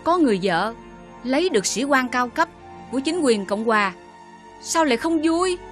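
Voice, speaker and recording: An actress with a Southern Vietnamese accent playing a bitter older mother who scolds her daughter with sharp sarcasm. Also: sits high, lively intonation, moderate pace, faint music behind. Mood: scornful anger.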